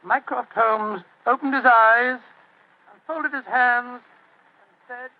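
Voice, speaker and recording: An old British doctor, with an extremely high voice for a man and an avuncular storyteller's manner. He sounds genial and chatty, in 1940s radio style on a muffled old broadcast. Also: fairly even intonation, slow pace, exaggerated voice. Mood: reminiscing. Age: older.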